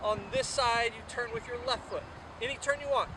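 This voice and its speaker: Out-of-breath man, soccer coach, very high voice, distant mic, loud outdoor noise. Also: fairly even intonation, brisk. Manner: instructive, step-by-step explaining. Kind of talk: demonstrating drills outdoors. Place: outdoor field.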